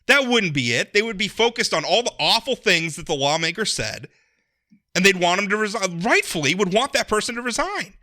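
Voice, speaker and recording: A man talking politics in a casual podcast discussion, emphatic and animated, with frequent restarts. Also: high-pitched, brisk. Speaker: political commentator.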